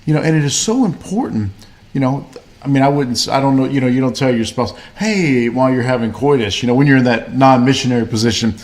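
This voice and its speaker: A man's voice: medium pitch, quick pace, a little mellow. A man co-hosting a casual faith-based chat, talking in a rambling way with many fillers and restarts. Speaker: podcast co-host.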